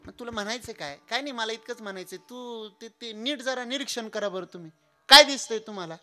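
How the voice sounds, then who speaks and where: A young man preaching a devotional kirtan sermon, telling stories animatedly and swinging between hushed asides and loud sung lines. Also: extremely high pitch, a little fast. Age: young adult.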